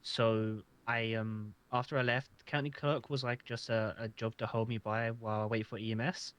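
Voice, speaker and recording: A man's voice: lowish voice, flat delivery, normal speed, a bit bright, smooth. A man answering interview questions in an earnest, hesitant way, often stammering and restarting. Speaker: job applicant. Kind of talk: casual roleplay interview.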